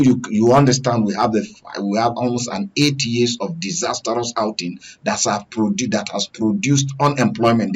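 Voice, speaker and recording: A medium-pitched, slightly rough voice comes from a Nigerian-accented man analyzing current affairs as a studio guest. He poses questions and answers them himself in a radio and TV studio. The sound is dull and lo-fi.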